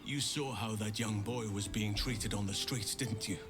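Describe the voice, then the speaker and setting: A man voicing an earnest, troubled druid leader in a video game, measured, grave and formal. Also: fairly low pitch, over music, lightly acted. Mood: troubled, weary.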